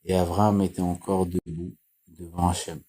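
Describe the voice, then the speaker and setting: Man, Torah lesson, very low voice, husky, halting reading. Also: flat delivery, warm tone. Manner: slow, halting reading with restarts and repeated phrases. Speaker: Torah teacher. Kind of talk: reading and explaining Torah commentary.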